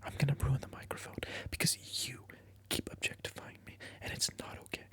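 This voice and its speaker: This ASMR creator whispers a little fast and close to the microphone, with a fairly bright tone. The monologue teases the viewer repetitively in a mock-indignant way.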